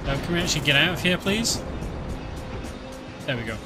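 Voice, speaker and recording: A British game streamer gives casual, chatty commentary while he plays, explaining as he goes and using many fillers, with game music in the background. His voice is fairly high in pitch, animated, and a little fast.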